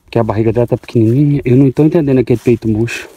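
A man's voice: mid-range voice, very fast, dark tone, breathy edge, no echo. A man from Goiás with a Goiás Portuguese accent, vlogging casually on his farm and talking affectionately to his cows. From Goiás, Brazil. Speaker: farmer vlogger. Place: outdoors on a cattle farm.

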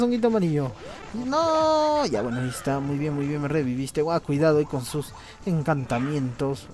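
A man doing casual let's play commentary, chatty and cheering on his co-player with quick exclamations. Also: a little high, a little mellow.

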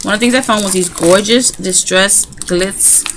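Woman vlogger, mid pitch, chatty and rambling, clicking noise in the background. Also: normal speed. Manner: chatty, rambling, animated storytelling. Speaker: craft vlogger. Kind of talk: casual haul vlog.

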